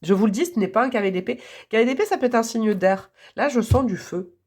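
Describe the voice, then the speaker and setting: Woman, hoarse voice, tarot reader, casual chat to viewers, enthusiastic, laughs often. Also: a little high, quick pace, a little mellow.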